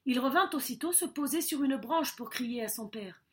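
Expressive woman reading a picture book. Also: high voice, slight background noise. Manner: slow, expressive storytelling with soft drops. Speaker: storyteller. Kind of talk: children's audiobook reading.

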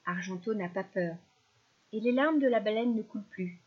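A woman reading a children's story aloud in a gentle, expressive manner. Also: medium pitch, normal speed, dull audio.

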